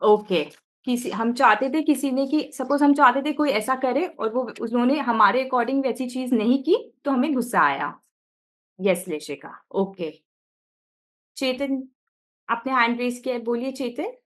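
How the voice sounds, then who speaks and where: A woman's voice: fairly high pitch, measured pace, fairly bright tone. A woman with an Indian accent, a teacher giving an online class lesson over a video call and checking in with her pupils with short questions.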